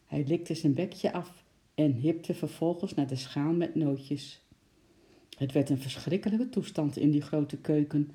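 A storyteller reading a children's book aloud in a lively, expressive way, acting out sound words along the way. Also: medium pitch.

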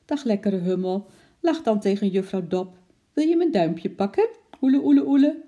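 A reader voicing a doting, short-sighted older woman who keeps a sweetshop, cooing in high baby talk. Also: very animated, moderate pace, dark tone, husky, highs cut off.

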